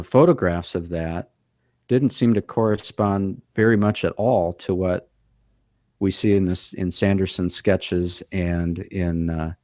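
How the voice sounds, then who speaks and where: A man co-hosting a podcast, explaining in a measured, thoughtful way in casual chat. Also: sits low, a little mellow, no room sound, clean studio sound. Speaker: podcast co-host.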